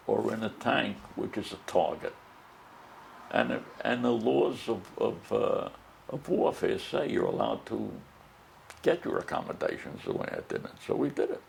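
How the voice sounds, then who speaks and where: An elderly American man, a war veteran remembering his past in halting, emotional testimony and acting out remembered dialogue. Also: on the low side, creaky, a little mellow, a little hiss or hum. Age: older, over 70. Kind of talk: oral history testimony, recollection.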